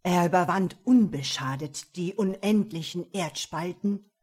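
Woman doing a fire demon overlord, deep and booming, loud, commanding, slow, wrathful, storybook. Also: breathy edge. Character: thundering male fire demon lord, wrathful.

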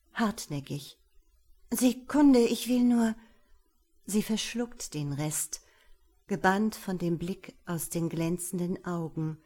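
A woman narrating a suspense audiobook in a measured, hushed manner. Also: on the low side.

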